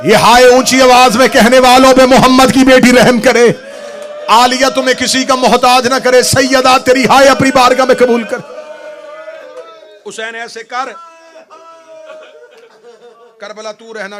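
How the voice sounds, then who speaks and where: Man, mourning sermon recitation, high gravelly voice, slow drawn-out delivery, hushed lows and wailing highs. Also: flat delivery. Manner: swings from hushed low murmurs to high wailing shouts. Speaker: preacher reciting a majlis.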